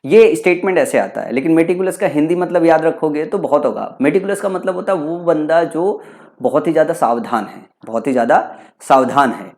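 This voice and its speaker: A young man with a Bihari Hindi accent, from Bihar, India, talks fairly quickly in a slightly high, darkish voice. He's teaching English vocabulary for an exam, explaining terms, repeating them, and frequently posing a question that he then answers himself.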